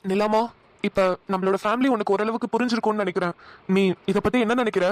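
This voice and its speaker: A man voicing a reflective, affectionate young husband in a cartoon who explains himself calmly. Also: sits high, fast talker, no echo, natural voice, rough recording. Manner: calm, explaining at length. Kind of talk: Tamil cartoon voice acting.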